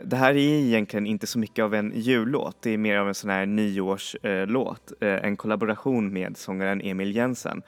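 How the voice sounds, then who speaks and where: A man's voice: on the low side, clean tone. A man hosting a music podcast, chatting casually and enthusiastically, often stopping to search for the right word. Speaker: podcast host. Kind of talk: casual chat introducing songs.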